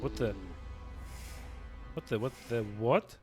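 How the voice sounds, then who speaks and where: A man's voice: medium pitch, slow pace, music in the background. A man giving casual let's play commentary, musing aloud and repeating words as he thinks. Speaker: video game player and commentator.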